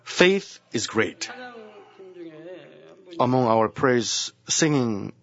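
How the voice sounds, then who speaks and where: A man delivers a sermon as senior pastor, unhurried and earnest. He circles back to repeat his key phrases. The recording is dull and lo-fi. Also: mid-range voice, lively intonation, a bit bright.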